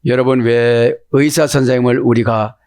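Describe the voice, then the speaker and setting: A male pastor preaching a sermon that explains the Hebrew text, who keeps prodding his listeners with quick questions. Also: mid-range voice, steady tone, darkish tone, no room sound.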